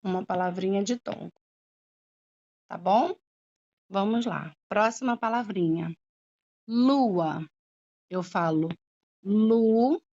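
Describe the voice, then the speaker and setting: A woman teacher talks through a lesson at a very slow, unhurried pace, drawing out each syllable and pausing to check that her students follow. Her voice sits at a middle pitch, and the recording is dull and lo-fi. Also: a little mellow. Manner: patient, drawn-out syllables, frequent "tá?" checks. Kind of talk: slow classroom explanation.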